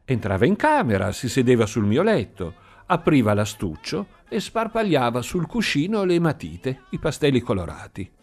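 A man reading a story aloud in an expressive, sing-song storytelling manner. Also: medium pitch, normal speed, few pauses, slightly rough. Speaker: narrator. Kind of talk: audiobook reading. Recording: faint music behind.

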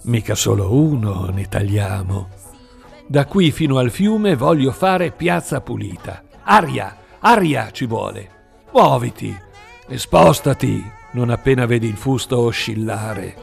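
A man voicing an angry older Italian work boss who shouts and bullies, in a spoken audiobook. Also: medium pitch, animated, measured pace, creaky, faint music behind. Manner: shouting, bullying. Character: furious older Italian boss of a logging job.

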